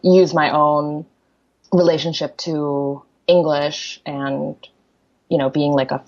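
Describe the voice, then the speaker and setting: A poet, a guest whose first language is Korean, chats casually in an interview, packing her talk with "like," restarting sentences and laughing easily. Her voice is low, dark-ish, slow and flat, and the audio sounds dull.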